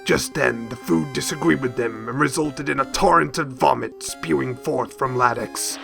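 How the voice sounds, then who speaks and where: A man narrating a silly, crude fight story in a deadpan, mock-epic storytelling style. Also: mid-range voice, moderate pace, gravelly, over music. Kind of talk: comic scripted narration.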